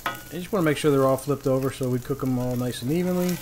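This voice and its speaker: He's a fast talker with a medium pitch and a darkish tone. Hosting a relaxed cooking demo on an outdoor paved patio beside a griddle, this show host explains things in a folksy, informal way, with frying and sizzling food clearly audible in the background.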